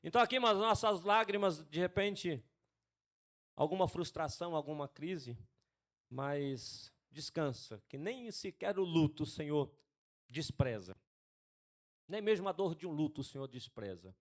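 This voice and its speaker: A middle-aged man preaching a sermon to a congregation, asking them questions and building to loud, urgent passages. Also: fairly high pitch, lively intonation, measured pace. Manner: asks the congregation questions, adds "né?". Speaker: pastor.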